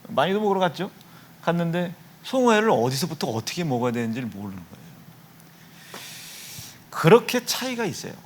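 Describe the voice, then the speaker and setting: Lively joking Korean pastor. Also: male voice, on the high side, a little fast, long pauses, a little hiss or hum. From Chungcheong, Korea. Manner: jokey, teasing congregation members by name. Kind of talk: revival sermon with humorous anecdotes. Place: church sanctuary.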